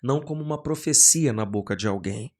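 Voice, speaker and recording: A man, a pastor, talks casually as a podcast guest. His pitch sits in a middle range for a man. He tells lively anecdotes and slips into the voices of the people he quotes, on a close studio mic. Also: brisk. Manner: animated storyteller who acts out quoted voices.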